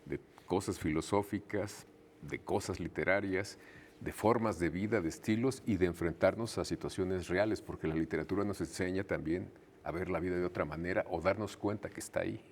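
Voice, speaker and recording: A man's voice: deep voice, fairly quick, slight background noise. A man hosting a televised conversation, asking questions and affirming with short replies. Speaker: TV interview host. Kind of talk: conversational interview.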